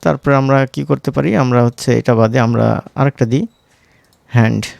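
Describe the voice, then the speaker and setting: A man with a Bangladeshi Bengali accent leads a relaxed screen-recorded software tutorial, chatting and frequently checking in with quick question tags. He speaks in a steady, mid-range voice that is gravelly and somewhat dark, at moderate speed, captured in a dry recording.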